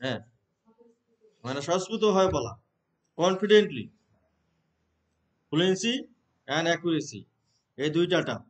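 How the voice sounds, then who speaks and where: A man's voice: a little high, lively intonation. Bangladeshi man lecturing a class. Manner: explains terms, slowly reads English definitions aloud, quizzes the class. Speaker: teacher trainer.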